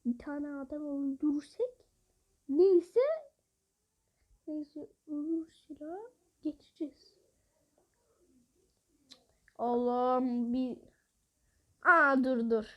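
A woman giving live gameplay commentary, excitable, bursting into exasperated outbursts and taunting opponents while talking to her viewers. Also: high-pitched, very slow, pauses often, lo-fi sound. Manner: addresses viewers directly. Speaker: mobile game player.

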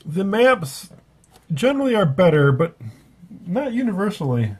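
A book reviewer at a table offers a loose, rambling review, casual and offhand, with frequent self-corrections. His voice sits high and has a sing-song quality and a breathy edge, moving at a moderate pace.

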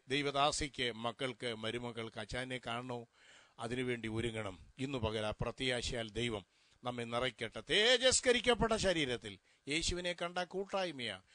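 A man's voice: medium pitch, pushed and bright, no echo. A male pastor delivering a funeral sermon, putting rhetorical questions to the mourners.

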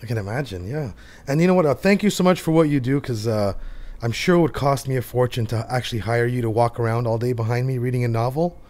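A man's voice: mid-range voice, darkish tone. A man hosting a book podcast, upbeat and jokey, introducing segments and chatting with guests. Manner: upbeat, jokey, quick to laugh. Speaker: podcast host.

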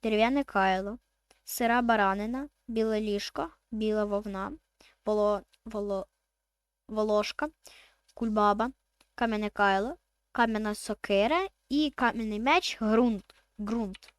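A woman's voice: medium pitch, moderate pace, smooth, no room sound. A woman, chatting casually as she plays a video game and counts aloud while building. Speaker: gaming video host.

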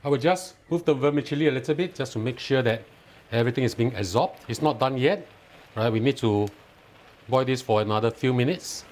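This Singaporean-accented cooking host walks his audience through a home recipe one step at a time from his kitchen. His medium-pitched voice is darkish and fairly quick, and his manner is instructive and mildly enthusiastic.

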